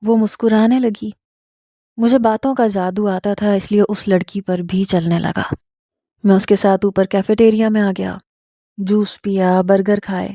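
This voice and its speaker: A woman narrating a first-person romantic story in a steady, scripted reading style. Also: medium pitch, no room sound, clean studio sound.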